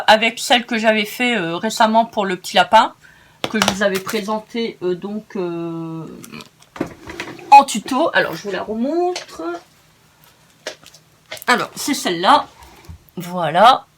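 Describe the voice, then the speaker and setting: Tired northern French woman, crafting tutorial host, rambling and friendly, average pitch, faint background noise. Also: a little slow, pauses often, fairly bright tone. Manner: chatty, rambling, many hesitations, laughs at herself. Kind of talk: casual step-by-step craft tutorial.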